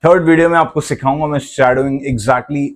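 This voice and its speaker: A man's voice: fairly high pitch, steady tone, fairly quick. Man teaching English in Hindi. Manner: explains step by step in Hindi mixed with English. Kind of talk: spoken lesson.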